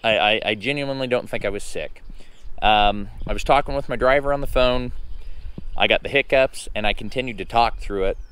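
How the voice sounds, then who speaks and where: A man with a slightly hoarse voice, recovering from losing it, gives a casual vlog update in a folksy, halting, unhurried way. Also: medium pitch, fairly bright tone. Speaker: truck owner and vlogger.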